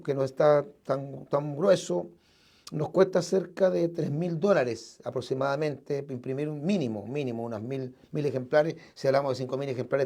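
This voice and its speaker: A Chilean-accented pastor speaks to his audience in a mellow, warm tone, his voice sitting a little high for a man. He talks earnestly and casually, often circling back to repeat or restart a word. He is speaking from a radio studio. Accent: Chilean Spanish. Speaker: evangelical pastor. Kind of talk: casual live broadcast talk to listeners.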